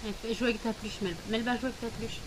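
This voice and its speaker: A woman's voice: fairly high pitch, fairly even intonation, very fast, background noise. A middle-aged woman vlogging casually from home, chatting to viewers and cooing baby talk to her scared pets while rain is heard outside.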